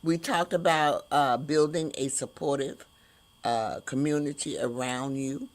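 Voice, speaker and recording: A woman hosting an inspirational podcast, speaking in slow, drawn-out emphatic phrases. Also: extremely low pitch. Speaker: host.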